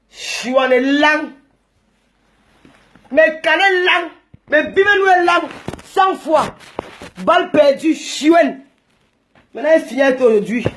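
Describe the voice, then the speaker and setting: A middle-aged woman with a Cameroonian French accent, ranting in a chatty, mocking vlog monologue that now and then breaks into shouting. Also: sits high. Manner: combative and mocking, bursts into shouting; chatty, rambling. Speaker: vlogger.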